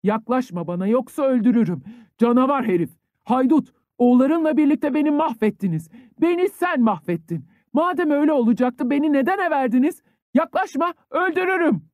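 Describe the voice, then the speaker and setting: A man voicing a bitter, grief-stricken young peasant conscript who breaks into furious shouting. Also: high voice, expressive, normal speed, no echo, phone-quality sound. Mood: enraged shouting.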